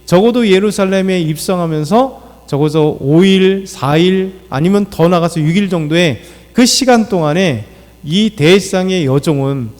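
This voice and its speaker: Male pastor, slightly high voice, loose preaching with fillers, reverberant sanctuary. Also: normal speed, darkish tone. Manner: unscripted preaching with fillers, acts out quoted lines. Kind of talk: dawn prayer sermon. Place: church sanctuary. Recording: church hall reverb.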